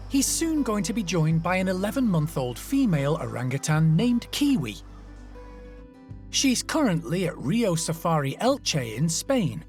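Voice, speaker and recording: A documentary narrator reading scripted nature documentary narration about animals. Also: mid-range voice.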